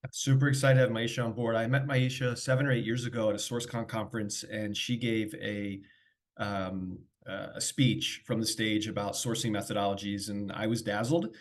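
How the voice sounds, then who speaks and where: A man hosts a corporate webinar over a video call, with a somewhat low voice. He presents energetically and fluently, with only a few fillers. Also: flat delivery, brisk. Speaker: webinar host.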